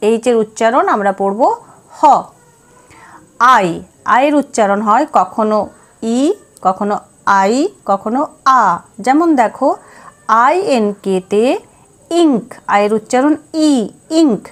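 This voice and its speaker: A woman teaches letter sounds in a lesson. She talks slowly and spells each word out one letter at a time. Her voice sits fairly high. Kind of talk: phonics lesson.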